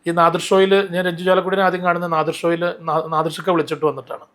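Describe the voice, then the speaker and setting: A man telling stories in an interview, animated and rambling, often restarting his sentences. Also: on the high side, fast. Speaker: interview guest, mimicry artist. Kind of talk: casual interview storytelling.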